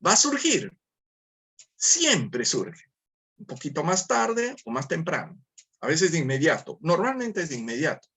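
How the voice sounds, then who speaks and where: A man's voice: a little high, big pitch swings, unhurried, creaky, a bit bright, slightly rough. A man with a Peruvian Spanish accent giving a formative lecture, talking in a didactic way, repeating himself and asking rhetorical questions.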